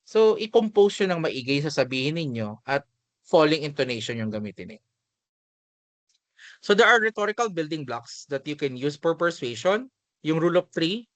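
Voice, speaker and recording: A male teacher with a Filipino accent talks through a lesson in a relaxed, conversational way, moving between Tagalog and English. His voice sits a little high, and the recording is close and dry with no room sound. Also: no echo. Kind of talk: spoken lecture.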